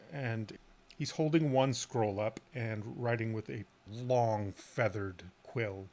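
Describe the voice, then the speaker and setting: A man narrates a tabletop fantasy game as its game master. He paints scenes in long descriptive passages and often fills pauses with filler words. His voice sits at an average pitch.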